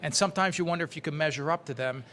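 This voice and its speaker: Man, guest on a podcast, bright tone, a bit high, lively storytelling. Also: racing. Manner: animated storyteller, laughs while telling anecdotes. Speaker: guest instructor. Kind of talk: casual podcast chat.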